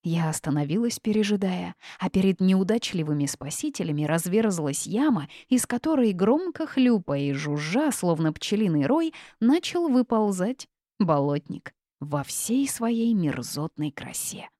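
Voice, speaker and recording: Mellow-voiced woman reading a story. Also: lowish voice, a little slow, no room sound, studio quality. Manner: lively, expressive reading. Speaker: audiobook narrator. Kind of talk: first-person storybook narration.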